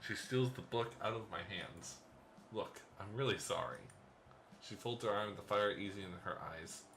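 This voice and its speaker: A deep-voiced man reads a visual novel's narration aloud for a let's play, slipping in playful asides and small laughs. His voice sits low, with faint noise behind it. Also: moderate pace, a bit bright. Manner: first-person game narration, playful asides and chuckles.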